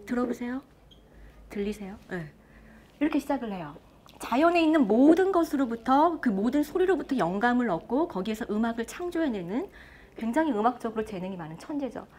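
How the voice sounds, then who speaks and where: Lively woman lecturer quizzing her audience. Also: a little high, brisk. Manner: lively, asks the audience questions. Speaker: speech lecturer and author. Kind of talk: motivational lecture. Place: stage before a live audience.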